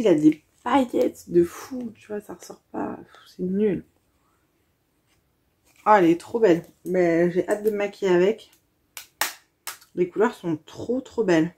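A woman's voice: medium pitch, dark tone, slightly rough. Chatty young woman unboxing. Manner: chatty, gushing, says she is tired. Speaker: vlogger unboxing a gift box. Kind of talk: casual unboxing chat.

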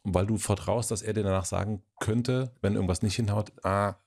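A man's voice: lowish voice, fairly even intonation, fairly quick, darkish tone. A man hosting an interview, asking probing follow-up questions and giving short affirmations. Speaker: podcast host.

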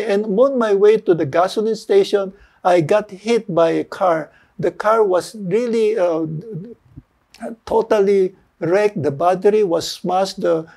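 An older man delivers an earnest sermon. His voice sits fairly high yet sounds mellow and warm. He speaks slowly and pauses often on fillers. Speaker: lay preacher.

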